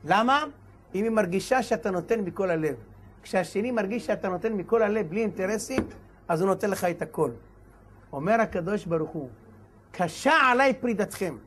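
High-voiced man preaching with animated stories. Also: a little hiss or hum. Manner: animated storyteller acting out dialogue and shouts. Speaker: rabbi. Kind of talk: sermon with told stories.

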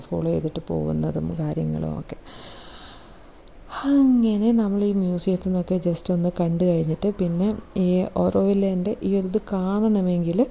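A Malayali-accented woman narrates her road trip in a chatty, rambling voice-over, often restarting her words. Her voice is heavily gravelly and sits low, with a dark, mellow tone that stays fairly flat. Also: slight background noise. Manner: chatty, rambling, with many self-corrections. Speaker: travel vlogger. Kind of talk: casual travel narration.

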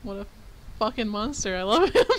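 A woman's voice: mid-range voice, very animated, a little fast, poor audio. A woman casually playing through a dating game aloud, reading it and reacting with frequent laughter and swearing. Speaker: let's player.

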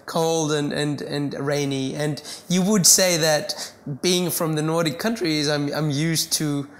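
A man's voice: a little high, steady tone, unhurried. A man in his thirties, raised in Sweden, answering interview questions in an office room on a lapel mic, often repeating and restarting words. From Iceland, raised in Sweden. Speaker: QA engineer guest. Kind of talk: casual interview chat. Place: office meeting room indoors.

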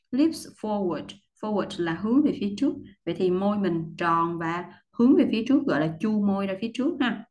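A woman teaching English pronunciation, explaining patiently step by step and repeating model words, often clearing her throat. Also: medium pitch, a little mellow. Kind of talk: pronunciation lesson.

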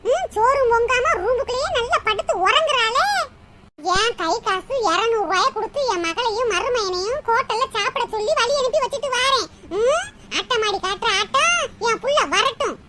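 A woman's voice: animated, moderate pace, exaggerated voice. A woman voicing a spiteful older village mother-in-law in a cartoon, grumbling with scorn, with a southern Tamil accent. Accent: southern Tamil, Tirunelveli. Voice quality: squeaky sped-up high voice. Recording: loud background noise.

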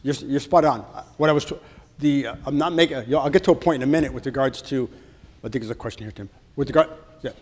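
A middle-aged state senator gives a casual budget presentation in a large function room, quizzing his audience as he goes. He speaks fast at a medium pitch with a darkish tone. A far camera mic catches him, and the big room adds long reverb.

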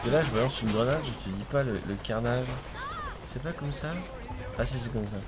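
A man's voice: mid-range voice, a little fast, very noisy. A man streaming a video game with his cousin, chatting casually, exclaiming at the action and laughing often. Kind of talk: casual gaming commentary.

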